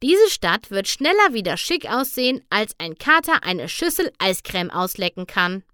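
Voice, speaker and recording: A woman's voice: mid-range voice, sing-song, normal speed, bright, forceful tone, clean tone, no room sound, studio quality. A woman voicing a spirited, folksy farm pony mare who rallies everyone with hearty calls, in a storybook reading. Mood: rallying.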